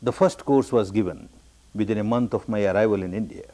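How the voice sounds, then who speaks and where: A man from Burma giving a meditation discourse, telling his own story with repeated, emphatic phrases that jump up high on the key words. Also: a little fast, warm tone. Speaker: meditation teacher.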